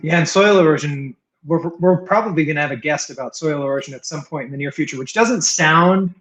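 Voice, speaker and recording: A man's voice: on the high side, a little fast, fairly bright tone. A man hosting a podcast, chatting conversationally with frequent restarts and hesitations. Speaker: podcast host. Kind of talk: casual chat. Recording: roomy echo.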